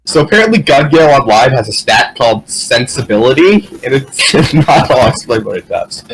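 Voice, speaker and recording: A man with a slightly husky voice and a middling pitch chats casually as a podcast co-host. He rambles through his points and swears freely. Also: very animated, normal speed, low-quality recording. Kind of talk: casual chat about games and anime.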